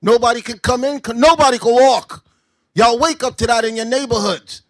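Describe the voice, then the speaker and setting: A man teaching scripture to a class, loud and confrontational, breaking into shouts and explaining verses in everyday slang. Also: very high voice, moderate pace, no room sound. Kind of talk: street-style preaching commentary.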